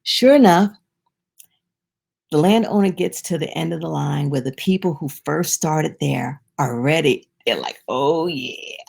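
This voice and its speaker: Gravelly woman retelling a parable. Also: low voice. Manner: lively storytelling, frequent restarts, personal asides. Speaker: inspirational speaker. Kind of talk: devotional teaching, retelling a parable.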